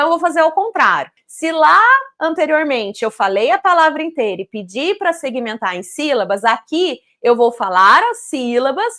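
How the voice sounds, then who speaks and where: A woman, a literacy educator explaining syllable activities to teachers in a clear, didactic manner, asking rhetorical questions. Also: high voice, fairly bright tone. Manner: clear, didactic, speaks syllables slowly to demonstrate; addresses teachers directly, asks rhetorical questions. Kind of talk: teaching video with product promotion.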